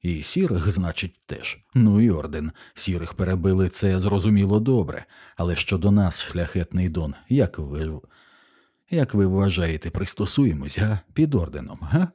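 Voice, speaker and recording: A man's voice: sits low, lively intonation, moderate pace, dark tone, breathy edge. A man reading an audiobook, voicing a timid, worried middle-aged blacksmith who mumbles anxiously. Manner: mumbling, anxious, plain-spoken.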